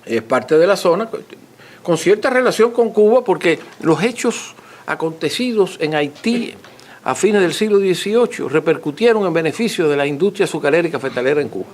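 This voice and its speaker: A man with a higher-than-average, animated voice speaks at a normal pace, delivering an unscripted scholarly talk. As an author and lecturer fielding audience questions, he teaches in a courteous, didactic way and repeats points for emphasis.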